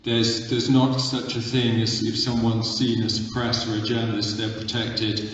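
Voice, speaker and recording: A filmmaker who grew up in Uganda, answering panel questions in an earnest, measured way and repeating words for emphasis. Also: male voice, medium pitch, level tone, fairly bright tone, a little hiss or hum. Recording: distant mic, echoey hall, dull sound.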